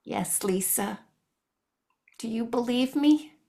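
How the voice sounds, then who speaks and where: A woman's voice: on the high side, slow, mellow. A woman playing a chatty, meddling Tooth Fairy in an improvised comic scene, over a video call. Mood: earnest. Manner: chatty, gossipy, nosy.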